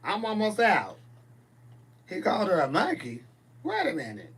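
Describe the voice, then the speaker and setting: This man in his forties runs a casual livestream, reading viewer comments and answering with blunt sass. His voice sits high and is husky and a bit bright, with wildly swooping pitch, and he talks at a normal speed.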